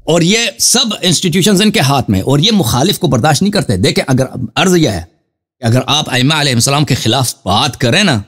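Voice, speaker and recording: A man gives a fervent religious talk in a fairly high voice. His pitch leaps up and down as he drives each point home. He repeats himself for emphasis and calls out to his listeners as brothers. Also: animated, a bit bright, breathy edge. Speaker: Shia cleric answering a question.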